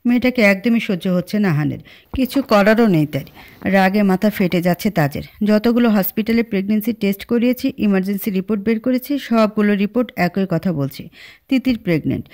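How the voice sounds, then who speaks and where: Woman narrator, steady storybook reading, mellow and warm, for an audio love story. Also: mid-range voice, brisk.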